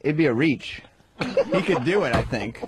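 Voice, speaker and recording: A man's voice: mid-range voice, expressive, normal speed, heavy background noise. A man making dry, sarcastic jabs at a coworker on a live radio show. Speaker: radio show staff member. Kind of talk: on-air radio banter.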